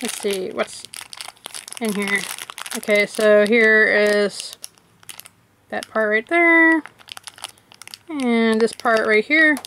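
A woman's voice: fairly high pitch, steady tone, drawn-out words, long pauses, bright, forceful tone, slight background noise. A woman chatting casually as she unwraps and tastes snacks for a vlog, thinking aloud as she goes. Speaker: vlogger.

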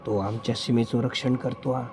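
A man's voice: medium pitch, steady tone, normal speed, a little mellow, a little hiss or hum, natural voice. A man voicing a protective middle-aged village father who speaks with concern and a Malvani accent. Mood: hushed.

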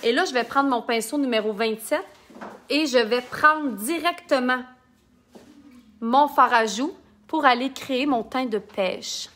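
Chatty Québécois woman, bright voice. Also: high-pitched, unhurried. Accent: Québécois French. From Quebec. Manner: chatty and joking, reading viewer comments aloud. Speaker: makeup artist hosting a live tutorial. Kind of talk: casual live makeup demonstration.

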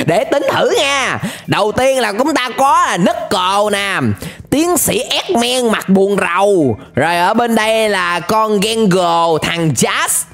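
Speaking slowly but with lively intonation, a young man with a high, fairly bright voice gives exclamatory, playful reaction commentary as host. He has a southern Vietnamese accent, sprinkles in English interjections, and uses a close desk microphone in a small indoor streaming space with background music.

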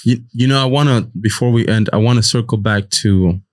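Podcast host guy, keeps restarting his sentences, laid back chat. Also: fairly low pitch. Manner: halting, many restarts.

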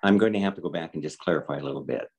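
An older man in his seventies with a very deep voice that sits at the bottom of its range. The tone is gravelly and a little husky. He talks earnestly and reflectively, leaning on repeated words. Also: very fast, a little mellow. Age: 70s. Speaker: guest. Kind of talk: personal interview.

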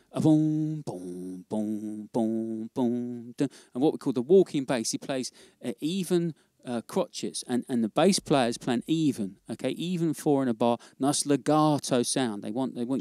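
A man teaching jazz drumming in a casual, relaxed way, often checking in with "okay?". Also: mid-range voice, dry recording, studio quality. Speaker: drum teacher. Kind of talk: casual instructional demo.

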